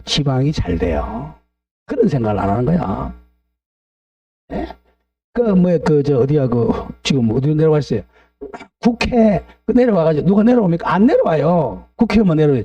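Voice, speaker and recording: Lecturing on real estate law, a middle-aged man keeps sliding into blunt, opinionated rants and asks his students to agree with him. His voice is on the high side with a dark tone, and the dry, dull recording comes from a distant mic.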